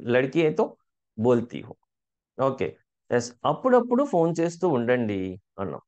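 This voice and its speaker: A man teaching a language lesson, asking learners questions and saying phrases slowly for them to repeat. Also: mid-range voice, wildly swooping pitch, a little mellow, highs cut off. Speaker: spoken Hindi teacher. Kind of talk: language lesson, drilling example sentences.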